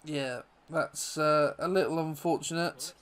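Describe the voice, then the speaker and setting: A man giving chatty live commentary over his own football video game, self-deprecating and bursting into excitement at goals. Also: on the high side, a little slow. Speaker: gaming YouTuber.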